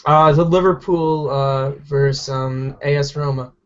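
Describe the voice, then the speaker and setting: Young male co-host, fairly high voice, casual, slightly dull call audio. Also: fairly even intonation, unhurried, clear, resonant tone. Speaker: podcast co-host. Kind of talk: casual chat. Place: video call.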